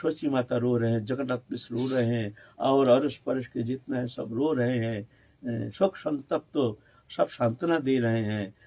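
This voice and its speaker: Husky monk preaching a story. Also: male voice, mid-range voice, moderate pace, muffled recording. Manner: emotive, swings from hushed to fervent. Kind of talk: devotional storytelling sermon.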